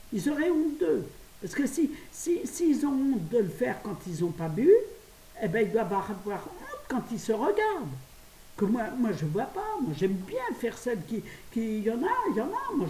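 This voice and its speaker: This older woman from France vlogs from her apartment, chatting quickly to her phone camera and laughing at her own stories. Her voice is mellow and fairly high-pitched. The phone audio comes across as distant and roomy with a slight hiss.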